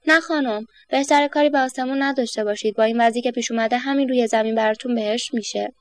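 A woman's voice: a little high, lightly acted. A woman doing a patient old professor. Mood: calm. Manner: calm, patient. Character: patient kind retired old man, professor.

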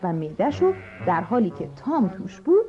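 Woman, children's story narration, expressive, lively pitch, lo-fi sound, music behind. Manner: animated, expressive. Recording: dull lo-fi audio with music.

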